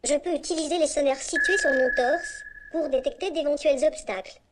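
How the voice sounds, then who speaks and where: A synthetic female text-to-speech voice speaking as a small, polite humanoid robot introducing itself in an even, scripted way. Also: sits high, a little fast, very noisy. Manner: even, scripted self-introduction with stock phrases. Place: conference stage, robot's own speaker.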